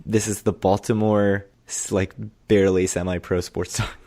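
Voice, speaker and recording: A man's voice: lowish voice, little pitch movement, moderate pace, dark tone, no echo. A man from Maryland co-hosting a podcast, chatting casually with wry humor. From Prince George's County, Maryland. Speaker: podcast co-host. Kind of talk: casual chat.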